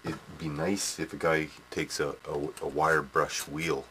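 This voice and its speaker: A middle-aged man with an extremely low voice talks through his workshop craft in a loose, rambling way. He trails off, restarts, and tags sentences with "eh". A steady hiss of noise sits under the camcorder audio. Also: a little slow. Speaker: hobby modeler. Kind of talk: casual workshop demo. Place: small indoor workshop. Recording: noisy home camcorder audio.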